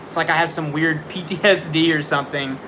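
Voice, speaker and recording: A young man with a fairly high, fairly even voice talks briskly over background noise while hosting a casual livestream from home, answering viewer questions. He gives frank tough-love advice packed with fillers. Sitting indoors near a window during a storm, he's jumpy and startled by the thunder.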